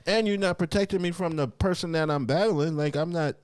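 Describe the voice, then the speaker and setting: A man's voice: on the high side, fairly quick, clean tone, dry recording, clean studio sound. A man hosting a casual event recap, talking informally in street slang and rambling through his retelling. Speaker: host, event commentator.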